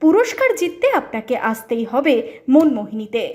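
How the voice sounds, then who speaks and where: A woman's voice: high voice, sing-song, normal speed, a little mellow. A woman reading scripted promotional narration as an emphatic announcer. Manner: emphatic announcer delivery listing prizes. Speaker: promotional news-style announcer.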